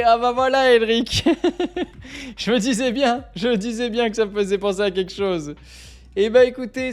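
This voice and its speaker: Playful chatty man hosting a live stream. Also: very high voice. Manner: playful, chatty, often laughing at his own reading. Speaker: livestream host. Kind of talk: casual live-stream chat and reading.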